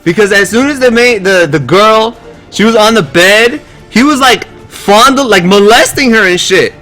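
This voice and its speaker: A high-pitched man rants to his stream in a bright, sharp voice, swearing freely and sounding fed up. He tells his story in an animated way, and faint music plays behind him. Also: moderate pace. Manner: profane, exasperated, animated storytelling. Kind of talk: casual rant to a live stream.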